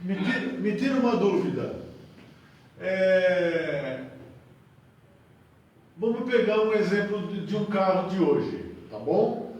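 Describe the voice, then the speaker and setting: A man's voice: high voice, very animated, takes it slowly, pauses often, a little mellow, very echoey. A man leading a group lesson, explaining with everyday examples and hesitant fillers, recorded on a camera mic from a distance. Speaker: discussion leader, teacher. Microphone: camera mic, speaking from a distance.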